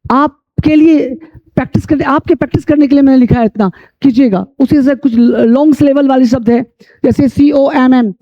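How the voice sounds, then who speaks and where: A man teaching English pronunciation, repeating rules and spelling letters out slowly. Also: extremely high pitch. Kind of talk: classroom-style lesson. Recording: dull lo-fi sound.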